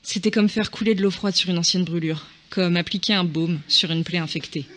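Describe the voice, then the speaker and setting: A man reads a short story aloud in a soft, hushed, measured narration. His voice sits high for a man. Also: steady tone, slight background noise. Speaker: reader.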